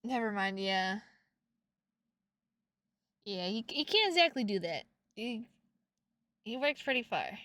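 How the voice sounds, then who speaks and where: Music plays behind a woman streaming a visual novel; she reads the text aloud and chats playfully with viewers, goofy asides included. Close-miked with no room sound, her medium-pitched voice is sing-song, slow and fairly bright, with frequent pauses.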